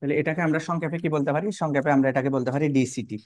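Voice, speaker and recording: Male biology tutor, a bit high-pitched, dry close recording. Repeats terms, quizzes students as he draws. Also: fairly even intonation, racing, a little mellow, no room sound. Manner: repetitive, checks in with "কেমন?" and rhetorical questions. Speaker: biology teacher. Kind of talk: online lesson, explaining while drawing.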